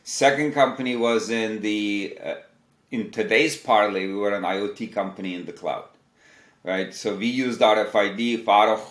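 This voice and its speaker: Measured man from Turkey, roomy sound. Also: on the low side. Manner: measured, explanatory, lists examples. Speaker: tech company CEO, guest. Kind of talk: interview answers, storytelling. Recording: echoey room.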